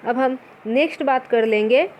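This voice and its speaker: A woman's voice: high voice, moderate pace, darkish tone, a little hiss or hum. A woman teaching an exam-prep lesson. She poses her own questions and answers them, mixing English words into her talk.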